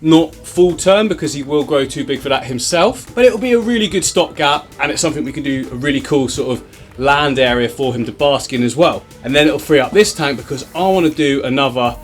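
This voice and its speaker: A man's voice: medium pitch, a little fast, soft background music. A British man chatting to camera as host of an aquarium vlog, jokey and laughing at himself. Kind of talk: casual vlog chat to camera.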